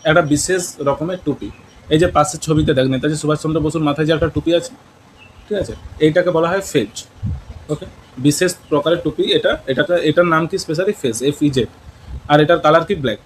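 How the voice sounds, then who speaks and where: A man's voice: a little high, a little hiss or hum, rough recording. A man teaching an English lesson in Bengali with a West Bengal accent, mixing in English words and questioning his students. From West Bengal, India.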